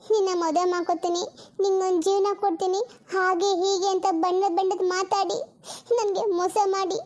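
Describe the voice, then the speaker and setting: A woman's voice: extremely high pitch, little pitch movement, moderate pace, a little mellow. A woman voicing a deceived, pregnant young woman who stammers and pleads with her elder sister. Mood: confessing.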